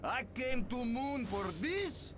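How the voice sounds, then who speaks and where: A man's voice: extremely high pitch, expressive, slow pace, over music, heavily acted. An actor playing a grumbling male moon miner in a video game, complaining in broken grammar with a mock Russian accent.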